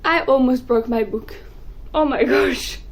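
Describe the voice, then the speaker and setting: A young woman, a native French speaker, chatting excitedly about books in a casual vlog. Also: a little high, low-quality recording. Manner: excitable, gushing, quick bursts. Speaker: book vlogger. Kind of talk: casual chat to camera.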